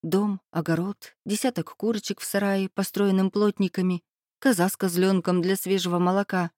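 A woman reading a first-person story aloud as an audiobook narrator, even and measured. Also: mid-range voice, no echo, clean studio sound.

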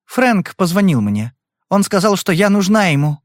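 Man doing a defiant middle-aged wife, insistent, high and lively pitch, dry close sound. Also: normal speed, no room sound. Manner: insistent, protective.

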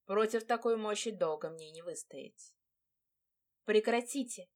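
A woman reading a first-person fantasy romance audiobook in a measured, dramatic way. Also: fairly low pitch. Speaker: audiobook narrator.

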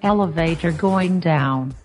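A flat, synthetic female machine voice, given by a woman, answering in short clipped phrases. It sits a little low and speaks slowly. There's faint music underneath. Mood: prompting. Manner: short clipped spoken replies. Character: female computer voice of a home control system.

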